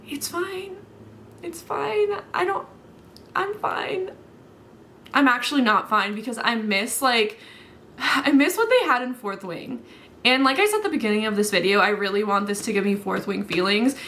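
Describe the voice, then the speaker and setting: A woman's voice: medium pitch, fairly bright tone, slight background noise. A young woman chatting casually in a book vlog, exasperated and full of "like". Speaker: book vlogger.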